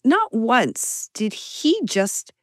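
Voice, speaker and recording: A woman guest on a podcast telling stories in a relaxed way, laughing often and acting out the people she quotes. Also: a little high, drawn-out words, no room sound. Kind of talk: conversational storytelling.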